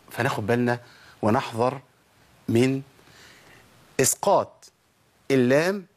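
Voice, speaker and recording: A middle-aged man with an Egyptian accent leads a recitation lesson at a brisk clip. He keeps turning to his viewers with quick questions, his voice sitting at an ordinary pitch. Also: slightly rough. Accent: Egyptian Arabic. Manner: lively, addresses viewers directly with rhetorical questions. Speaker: Quran recitation teacher. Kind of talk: televised tajweed lesson.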